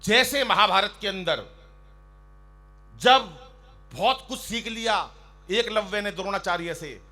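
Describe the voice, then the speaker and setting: A man performing as a comic poet on stage, ribbing fellow poets and telling jokey stories in a loud, teasing manner. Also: high-pitched, slow, soft background music. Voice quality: loud, ribbing, storytelling with mock shouts. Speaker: stand-up poet. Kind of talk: humorous poetry recital banter. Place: outdoor stage by a river.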